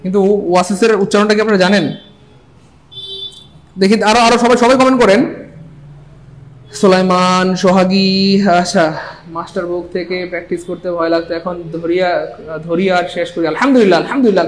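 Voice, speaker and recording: A male English grammar teacher giving a live online class, animated and joking, and urging viewers to comment. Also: high voice, fast, long pauses, slight background noise.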